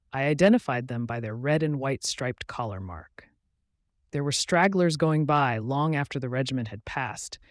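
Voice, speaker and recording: A man reading an audiobook in a measured, unhurried scripted narration on a close studio mic. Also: medium pitch, no room sound.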